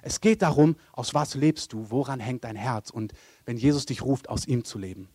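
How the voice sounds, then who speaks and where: A man's voice: mid-range voice, normal speed, dark tone, dry recording. A man preaching a sermon in an earnest, exhorting way.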